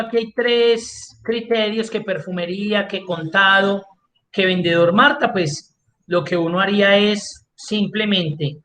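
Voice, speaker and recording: A man's voice: sits high, fairly bright tone. A man teaching an online class as an instructor, explaining step by step and answering his own questions. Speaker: Excel instructor.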